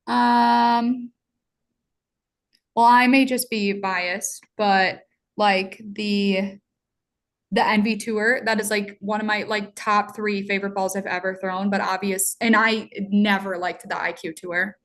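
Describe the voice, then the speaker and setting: Female guest, mid-pitched voice, laid-back and hesitant on a video call. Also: slow. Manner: relaxed, hesitant, filler-heavy. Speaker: guest bowler. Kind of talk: casual live stream chat.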